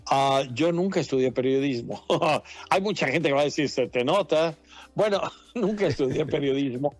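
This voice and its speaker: A man's voice: on the high side, lively intonation, moderate pace, no echo. Man, 50s, born in Mexico, veteran journalist guest; rambling, chatty, laughs easily; faint music behind. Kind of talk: casual interview conversation. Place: Washington.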